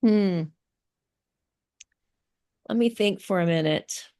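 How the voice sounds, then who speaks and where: On a video call, a middle-aged woman raised in Thailand answers questions about teaching, taking her time with frequent pauses and fillers. Her voice is medium-pitched with a dark, clean tone.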